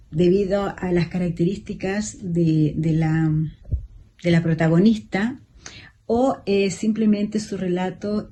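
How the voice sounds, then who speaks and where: A woman moderating an online writers' panel in a measured way, with frequent fillers, over a video call. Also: on the low side, warm tone, slight background noise.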